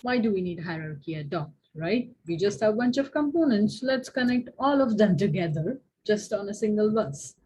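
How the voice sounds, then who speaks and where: A woman's voice: mid-range voice, lively intonation, moderate pace, hardly any pauses, warm tone, slight background noise, low-quality recording. A woman professor giving a university lecture, asking her listeners questions and often restarting her phrases.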